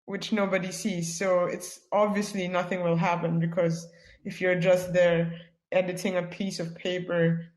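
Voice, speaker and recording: A woman from the Philippines, a product manager, gives a casual guest talk on a webinar in a lowish, darkish voice at a moderate pace with flat delivery. She's chatty and fills her speech with "like" and "yeah." The recording has an echoey room sound.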